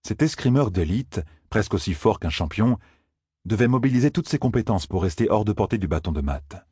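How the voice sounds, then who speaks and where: A man narrating an audiobook in expressive storytelling style. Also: on the low side, brisk, slightly rough, no echo, studio quality. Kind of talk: scripted narration.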